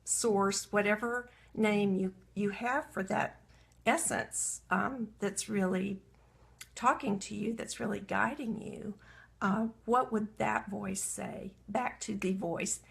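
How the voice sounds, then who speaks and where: A woman's voice: mid-range voice, fairly even intonation, slow, gravelly. A woman coaching women entrepreneurs in a live video talk. She is earnest and self-reflective, and walks listeners through a writing exercise while reading aloud from her journal.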